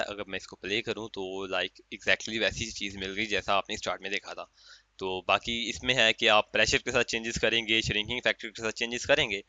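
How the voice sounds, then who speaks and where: Bright-voiced man explaining step by step. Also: on the low side, no echo. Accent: Urdu-inflected Hindustani. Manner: chatty, explains step by step with fillers. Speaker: software tutorial instructor. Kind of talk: casual screen-recorded tutorial. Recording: dry, muffled lo-fi mic.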